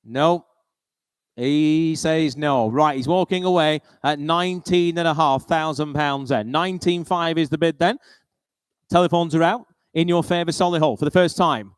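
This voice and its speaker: A British auctioneer runs a live sale, calling out bid figures in well-practised patter at a moderate pace. His voice is smooth and clear, pitched a little high for a man. The recording is close and dry, with no echo from the room.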